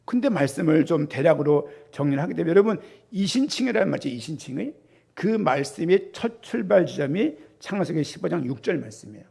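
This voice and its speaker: Man, pastor, sermon, husky, sweeping pitch, rhetorical questions. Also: a little fast. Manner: animated preaching with rhetorical questions to the congregation.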